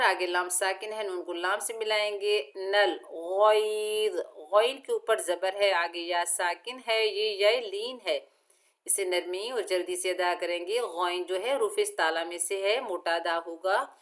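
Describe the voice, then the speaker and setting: A woman teaching Quran recitation with tajweed, patiently explaining each letter and then chanting each word slowly and drawn out. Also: medium pitch, fairly bright tone. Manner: patient, methodical instruction. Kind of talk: slow step-by-step recitation lesson.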